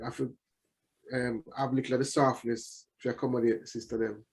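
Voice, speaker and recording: Male interview guest, Jamaican accent, medium pitch, thoughtful and halting delivery with repeated words, casual talk. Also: flat delivery, darkish tone, slight background noise. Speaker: musician guest.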